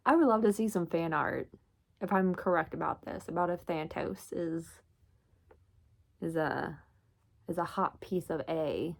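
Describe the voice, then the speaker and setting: A woman's voice: lowish voice, measured pace, creaky, pauses often. Woman, book vlogger, loose chatty recap delivery, casual and profane. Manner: chatty, lots of fillers, swears freely.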